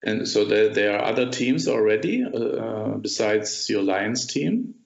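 A man co-hosting a podcast, asking casual questions in a halting way. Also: lowish voice, lively intonation, creaky. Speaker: podcast co-host. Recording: roomy, dull lo-fi audio.

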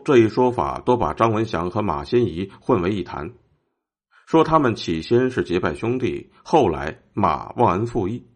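A man with a low voice tells a historical tale as scripted narration. His delivery is measured, and his pitch rises and falls in a lively way.

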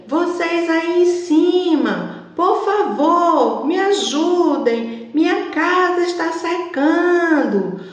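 Slow, echoey woman storyteller. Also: extremely high pitch, dull audio. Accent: Brazilian. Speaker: teacher and children's storyteller. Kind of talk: narrating a children's story. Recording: very echoey room.

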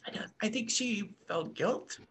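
A middle-aged woman from the United States recounts her own story as a podcast guest. Her voice is husky and breathy, pitched in an ordinary middle range. She speaks haltingly, restarting sentences and letting them trail off into soft pauses. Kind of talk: personal storytelling in a podcast conversation.

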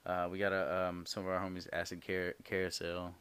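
A man chatting casually as a festival organizer on a podcast, laid-back and halting, with many fillers and restarts. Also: sits low, monotone, fairly bright tone, clean tone.

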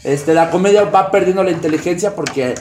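A man's voice: high voice, fairly quick, a little mellow. A Mexican man co-hosting a casual podcast, making long lecturing arguments full of rhetorical asides. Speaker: podcast co-host. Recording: echoey room with faint noise.

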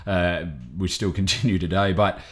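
A man's voice: sits low, little pitch movement, moderate pace, a bit bright. A man co-hosting a podcast, chatting casually and telling stories. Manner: storytelling, puts on voices for quotes. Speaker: podcast co-host. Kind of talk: casual chat.

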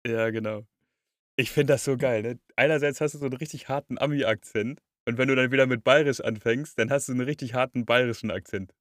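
A man chatting casually as an interviewer, colloquial and quick to chime in with agreement. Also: medium pitch, fairly even intonation, dry recording, clean studio sound. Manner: colloquial, reacts with short affirmations. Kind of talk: casual chat.

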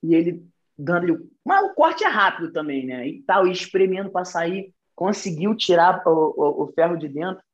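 A young man, telling an anecdote in casual chat, profane and animated. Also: high voice, normal speed, highs cut off. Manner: profane, animated, slangy storytelling. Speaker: podcast storyteller.

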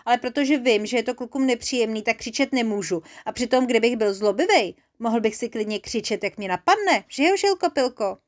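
A woman's voice: on the high side, expressive, hardly any pauses, close to an everyday voice. A woman voicing a chatty little male creature in a children's storybook. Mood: eager.

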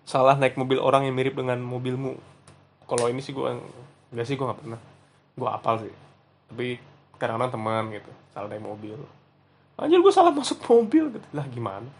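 A man's voice: mid-range voice, flat delivery, a little fast. A young man hosts a podcast, telling funny stories in a casual, slangy way and laughing at himself. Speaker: podcast host. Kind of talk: casual solo storytelling.

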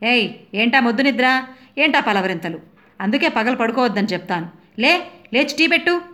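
A woman's voice: on the high side, expressive, a little fast, sharp tone, voice pushed up. A woman doing a bossy husband barking orders. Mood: scolding. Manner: commanding, demanding. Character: bossy middle-aged husband ordering his wife.

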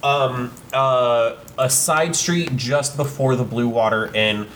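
A man narrating as game master, relaxed and loose, with many fillers. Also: mid-range voice, slow, reverberant, slight background noise.

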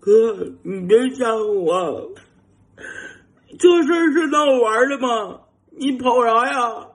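A terrified young man wails for help in a shrill, tearful voice that sits far above a normal speaking pitch, as a male storyteller puts him on. He shouts and pleads, close to sobbing. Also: expressive, slow, heavily acted. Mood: tearful pleading.

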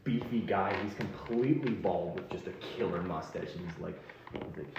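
Brief: male game master, low voice, casual rambling narration, very echoey muffled mic. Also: moderate pace, gravelly, far from the mic, background noise. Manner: casual, rambling, laughs often.

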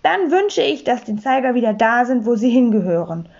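A woman's voice: fairly high pitch, big pitch swings, normal speed, vocal fry, darkish tone, dull audio. A woman voicing a sleepy, grumpy grown man who murmurs and grumbles in exasperation. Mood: grumbling.

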